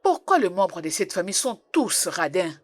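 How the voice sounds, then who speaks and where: A grumbling young servant. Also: female voice, fairly low pitch, sing-song, normal speed, no room sound, clean studio sound, faint music behind. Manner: complaining. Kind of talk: French dub of a film.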